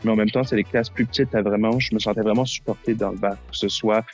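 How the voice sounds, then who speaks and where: A young man tells his story in a relaxed testimonial, with many fillers and restarts. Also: lowish voice, fast talker, husky, faint music behind. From British Columbia, Canada. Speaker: journalist, former student. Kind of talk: interview testimonial.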